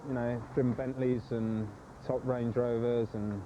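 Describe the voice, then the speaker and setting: A man's voice: medium pitch, little pitch movement, a little slow, mellow, a little hiss or hum. A man working as a driver, easygoing and plain-spoken in a documentary interview, heard off a worn VHS tape copy. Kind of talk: casual interview talk. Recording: dull worn tape copy with music behind.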